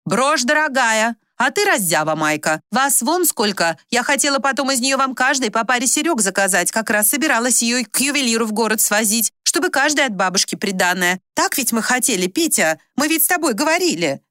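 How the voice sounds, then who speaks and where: Woman playing a sharp, scolding village mother. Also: on the high side, expressive, a little fast, hardly any pauses, no room sound, clean studio sound, voice pushed up. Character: stern anxious village mother, usually calm.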